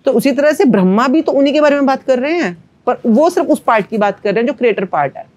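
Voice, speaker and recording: A woman's voice: sits high, animated, quick pace, a little mellow. A woman, a manifestation coach, speaking as a podcast guest and explaining ideas in an earnest, teacherly way with everyday analogies. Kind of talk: spiritual podcast conversation.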